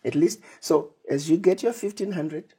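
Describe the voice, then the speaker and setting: A woman from Zimbabwe, a Pan-African advocate appearing as an interview guest, has a fairly low voice and speaks at normal speed over a noisy background. She's emphatic, setting out plans as lists and retelling conversations.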